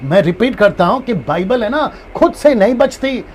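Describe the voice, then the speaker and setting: A man's voice: high voice, moderate pace, a little hiss or hum. A man, a pastor, giving a live-streamed Bible lesson who repeats his points and acts out different tones of voice. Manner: repeats key points, animated with acted tones.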